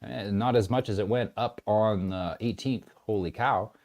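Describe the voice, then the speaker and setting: A man giving casual, animated trading commentary, rambling and often restarting his sentences. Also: fairly low pitch, moderate pace. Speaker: market commentator.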